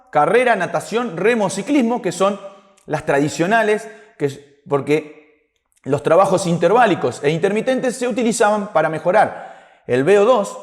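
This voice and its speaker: A man lectures as a fitness instructor. He explains step by step in a didactic way, pausing with short tag questions to check understanding. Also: high voice. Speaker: fitness instructor teaching a class.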